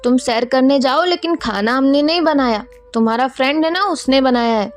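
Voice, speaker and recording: A woman's voice: sits high, normal speed, soft background music, close to an everyday voice. A woman voicing a fond, teasing middle-aged aunty who speaks in broken grammar. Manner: broken grammar, says "hum" for I.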